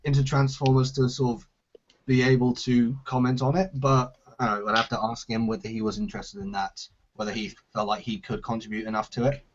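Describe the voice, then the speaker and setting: A man's voice: medium pitch, little pitch movement, brisk, highs cut off, a little hiss or hum. A man hosting a casual Q&A about his series, rambling with lots of restarts. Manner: rambling, hesitant, with frequent restarts and laughs. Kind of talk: casual group chat.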